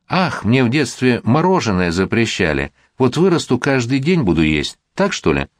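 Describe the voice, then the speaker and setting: An exasperated middle-aged mother lectures her teenage daughter in a stern, reproachful way, as a man reading the book puts her on. The voice sits low but swings a great deal in intonation. The recording is dry and close, with no room sound around it. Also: dry recording. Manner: stern, reproachful, sharp-tongued. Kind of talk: audiobook character reading.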